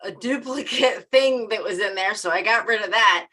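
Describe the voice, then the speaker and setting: Bright-voiced chatty woman co-host. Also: medium pitch, moderate pace, poor audio. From Maryland, USA. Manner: laughs often, chatty with restarts. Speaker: co-host of a live stream. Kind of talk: casual live-stream chat.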